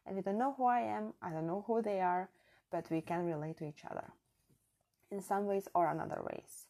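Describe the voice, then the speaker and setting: Speaking fairly quickly in a mellow, medium-pitched voice, a woman from Europe hosts a solo podcast in English, her second language, with a non-native accent. Her talk is casual, earnest, chatty and reflective, captured only on a built-in device mic.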